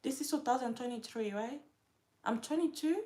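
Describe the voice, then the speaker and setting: A young adult woman from Africa vlogs casually to her camera, rambling and frequently interrupting herself as she loses her train of thought. Her voice is on the high side and warm, at a normal speed.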